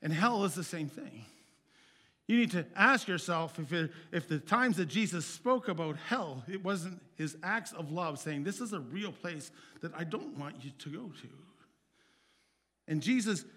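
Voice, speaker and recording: Guy pastor giving a sermon, highish voice, chatty and earnest, gets loud then drops real quiet at the ends. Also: animated, a little slow, slightly rough. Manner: earnest, conversational preaching with restarts and asides; swings from loud emphatic peaks to quiet low endings.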